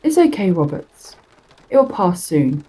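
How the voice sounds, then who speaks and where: A woman voicing a calm, patient female psychiatrist who speaks in measured, reassuring tones in a spoken horror story. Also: fairly low pitch, husky, exaggerated voice, rough recording.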